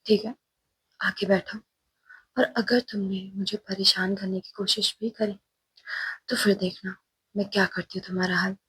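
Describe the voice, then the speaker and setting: A woman's voice: medium pitch, level tone, moderate pace, pauses often, fairly bright tone, breathy edge, dry recording. A woman voicing a stern, irritable young college teacher who answers curtly and scolds. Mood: irritated. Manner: curt, scolding, dismissive.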